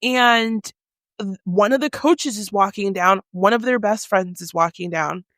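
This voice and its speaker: A woman in her forties, co-hosting a podcast in a small studio room, telling stories animatedly and acting out scenes with loud exclamations. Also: mid-range voice, a little slow, no room sound. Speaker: podcast co-host. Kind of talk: casual chat.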